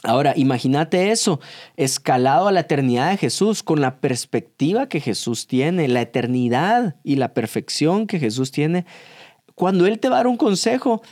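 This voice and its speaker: A man, co-hosting a casual faith chat and telling a story about his son in a lively way. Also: on the high side, moderate pace, no echo, studio quality. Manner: animated storyteller, acts out quotes. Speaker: co-host, father. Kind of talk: casual chat with devotional reflection.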